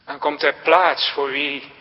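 A man preaching a sermon in a church, in a slow, solemn style with emphatic rising phrases. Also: fairly high pitch, fairly even intonation. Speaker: pastor. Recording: lo-fi church recording with long reverb.

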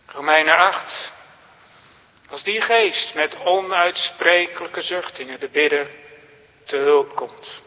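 A man preaching a sermon in a church, in a slow, solemn style with emphatic rising phrases. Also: a little high. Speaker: pastor. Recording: lo-fi church recording with long reverb.

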